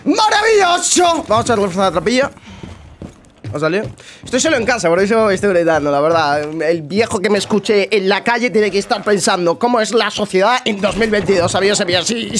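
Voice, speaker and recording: A young man from Spain with a Spanish accent, commenting on his own game in his bedroom at home, swinging between muttering and excited shouting, and swearing a lot. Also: high-pitched, a little hiss or hum. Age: young adult. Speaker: gamer streamer. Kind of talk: live gameplay commentary.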